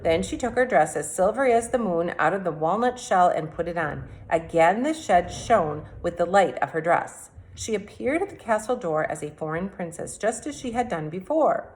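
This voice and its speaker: A woman with a slightly low, darkish voice reads a storybook aloud, narrating expressively like a teacher sharing a fairy tale with a class. Her delivery is animated and moderately paced with hardly any pauses, and the recording is rough.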